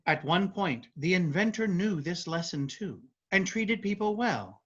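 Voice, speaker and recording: A performer plays the chatty narrator of a play, telling a folk tale in a staged reading with conversational asides. The mid-range voice is expressive, measured and a bit bright, though the recording sounds muffled.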